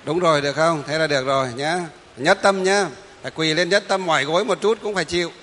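A man's voice: on the high side, fast talker, a bit bright, big-room sound, slight background noise. A man, a Buddhist monk guiding a congregation through a refuge ceremony, speaking patiently with frequent hesitant fillers and repetition. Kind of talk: instructing a kneeling congregation.

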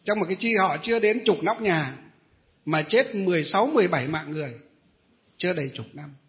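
A middle-aged Buddhist monk tells a long story to his listeners in a high voice. He rambles, pauses on fillers and throws questions at the audience. The recording sounds dull and lo-fi. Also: expressive. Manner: rambling storyteller, many hesitations, addresses listeners. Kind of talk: storytelling dharma talk.

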